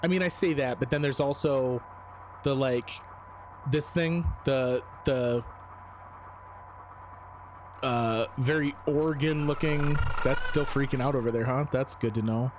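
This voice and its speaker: A man's voice: mid-range voice, a little slow, pauses often, background noise. A man giving casual, uneasy, sweary commentary as he streams a scary video game. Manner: sweary, informal.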